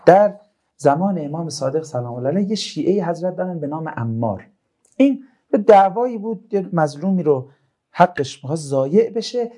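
Man, religious speaker, informal talk, lively swooping pitch, mellow tone, chatty, joking asides.

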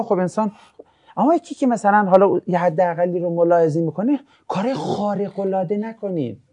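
A man teaching a religious ethics class, lecturing casually and acting out anecdotes with jokes. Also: sits high. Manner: lively, jokey, acts out anecdotes.

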